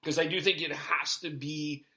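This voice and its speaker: Bright-voiced podcast host. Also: male voice, on the high side, fairly even intonation, normal speed. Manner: rambling, thinks aloud in restarts. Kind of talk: casual podcast chat.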